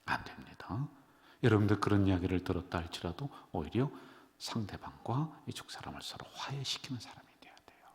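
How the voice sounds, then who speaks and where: A middle-aged man preaching in a church, his voice worn and subdued, leaping up to loud cries and dropping to near-whispers. His pitch swings widely as he talks. The sanctuary rings with a long, trailing reverb. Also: big pitch swings, brisk. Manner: emotional, swinging from loud exclamations to hushed whispers. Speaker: senior pastor. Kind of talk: sermon at a midweek prayer service.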